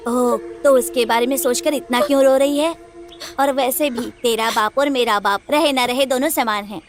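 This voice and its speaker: A kind young village boy, voiced by a woman, speaks reassuringly in a slightly high voice. Faint music sits under the scene. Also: steady tone, moderate pace, lightly acted. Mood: comforting. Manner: warm, reassuring. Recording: music playing under dialogue.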